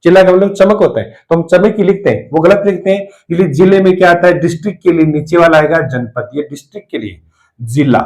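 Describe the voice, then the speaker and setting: A man's voice: a little high, fast talker, a little mellow, rough recording. A middle-aged man teaching a Hindi grammar class, explaining and repeating key words as he goes. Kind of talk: classroom lecture on word pairs.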